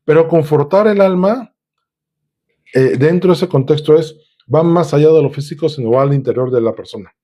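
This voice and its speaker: A man delivers a teaching sermon, often asking his listeners questions. His voice sits a little high for a man yet sounds mellow and dark. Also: moderate pace. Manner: teaching, asks questions to the congregation. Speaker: preacher.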